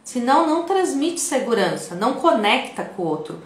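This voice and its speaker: A woman's voice: high-pitched, sing-song, normal speed, a little hiss or hum. A woman with a Brazilian Portuguese accent giving an online video lesson in a conversational way, often checking in with the viewer. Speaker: instructor. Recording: echoey room.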